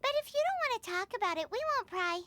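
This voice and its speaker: A woman's voice: very high voice, very animated, fast talker, pushed and bright, heavily acted. A woman voicing a tiny, cheerful, childlike fairy companion in a video game, eager and perky. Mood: curious. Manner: childlike, perky, refers to self by name.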